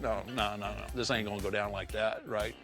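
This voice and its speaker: A man and wrestler guest recounting a story in an interview, soft-spoken and acting out quotes. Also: lowish voice, steady tone, fairly quick, over music.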